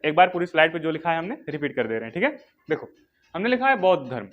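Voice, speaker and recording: Heard with phone-quality sound, a man with a fairly high, very animated voice speaks quickly while coaching a history class. He asks and answers his own questions, dictates notes, and repeats key names constantly to drill them in.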